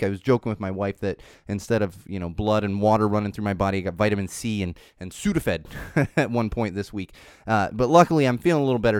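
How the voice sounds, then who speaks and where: Still stuffed up from a cold, a podcast host rambles casually on his own show from a small studio mic, talkative and keen to promote himself. He has a fairly low, smooth voice with no room sound.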